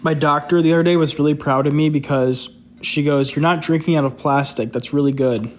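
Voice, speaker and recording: With the highs cut off the recording, a young creator hosting a live stream speaks briskly in a slightly high voice with fairly even intonation. His chatter is casual and candid, heavy on "like."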